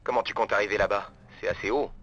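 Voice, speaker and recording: A man playing a skeptical teammate in animated video game dialogue. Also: lowish voice, fast talker, lo-fi sound. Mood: skeptical, curious.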